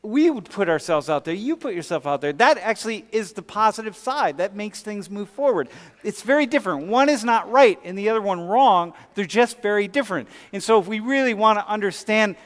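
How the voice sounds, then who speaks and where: Casual professor in a reverberant lecture hall. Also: male voice, sits high, animated, fairly quick, hardly any pauses, fairly bright tone. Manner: casual, conversational, many fillers and restarts. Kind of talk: classroom lecture with student questions.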